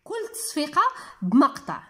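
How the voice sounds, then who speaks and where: A woman's voice: high-pitched, huge pitch swings, fairly bright tone, a little hiss or hum. A woman with a Moroccan accent teaching a reading lesson to young children, patiently stretching out words syllable by syllable. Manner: drawn-out, syllable-by-syllable word spelling. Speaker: primary school teacher.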